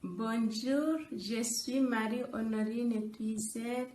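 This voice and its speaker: A woman from Rwanda, a novice nun giving a careful, soft-spoken personal testimony. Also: fairly high pitch, steady tone, takes it slowly, echoey room, slight background noise, rough recording.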